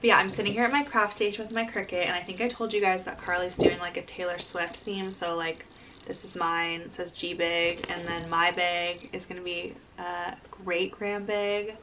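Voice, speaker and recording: A woman in her early twenties chatting casually to camera in a bubbly, excitable sorority-girl manner, often dropping in "like" as filler. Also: on the low side, moderate pace, background noise. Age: early 20s. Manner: frequent filler "like". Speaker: college vlogger. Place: parked car and small bedroom. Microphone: camera at about arm's length.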